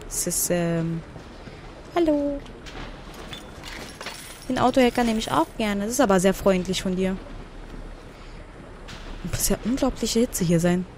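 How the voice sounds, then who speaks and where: A woman giving blind commentary on a video game, chatty, talking to the game and reading menu text out loud. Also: medium pitch, normal speed, long pauses, slight background noise. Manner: thinks aloud and reads game menu text out. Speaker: let's player.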